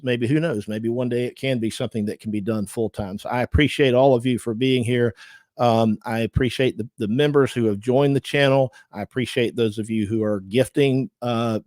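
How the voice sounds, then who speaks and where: A man's voice: mid-range voice, darkish tone, no room sound, studio quality. Southern man hosting a casual livestream. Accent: Southern US, Georgia. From Georgia, USA. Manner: chatty, thanks viewers, frequent fillers. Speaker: livestream host and lawyer.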